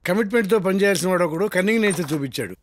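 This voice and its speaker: An actor playing a stern middle-aged uncle figure who speaks in a firm, commanding way. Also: male voice, high voice, lively intonation, racing, slight background noise. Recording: film soundtrack with music behind.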